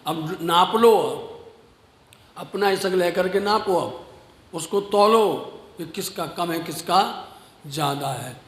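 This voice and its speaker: A man giving a devotional sermon, earnest and slow, rising at times to emphatic exhortation. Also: sits high. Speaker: preacher. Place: ashram hall. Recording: echoey hall with long reverb.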